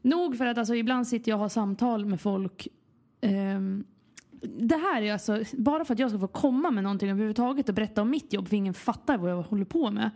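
A woman's voice: mid-range voice, a little mellow. A young woman co-hosting a podcast in casual chat, teasing her friend with dry quips. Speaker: podcast co-host.

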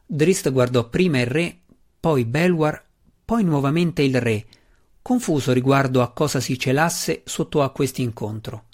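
A man narrating a fantasy novel as an audiobook in an even, expressive storytelling voice. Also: medium pitch, measured pace. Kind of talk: scripted narration.

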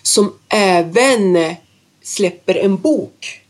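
A woman co-hosting a podcast, upbeat and enthusiastic, slightly stuffy and hoarse from a cold. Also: medium pitch, animated. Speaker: podcast co-host. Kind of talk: casual chat.

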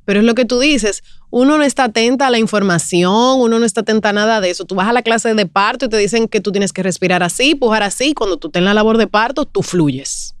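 A woman's voice: a little high, fast, hardly any pauses, clear, resonant tone, dry recording, clean studio sound. A woman hosting an interview, affirming her guest and then sharing her own experience in a conversational way. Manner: affirming, soft backchannels. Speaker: podcast host.

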